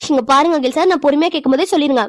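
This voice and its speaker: A woman voicing a quick-tempered young wife in a cartoon, scolding and demanding answers. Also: high voice, dry recording, clean studio sound, close to an everyday voice. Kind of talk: cartoon voice acting.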